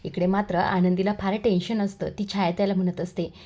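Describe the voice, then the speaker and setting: A woman's voice: medium pitch, level tone, a little fast, warm tone. A woman narrating a TV serial episode as a story and voicing each character's lines herself. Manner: storytelling, voices every character.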